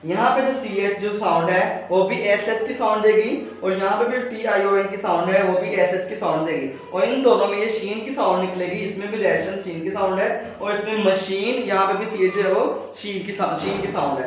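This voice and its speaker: A man's voice: high voice, moderate pace, hardly any pauses. A man teaching English pronunciation in a recorded video lecture, patiently explaining and spelling words out letter by letter. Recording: very echoey room, distant mic, dull sound.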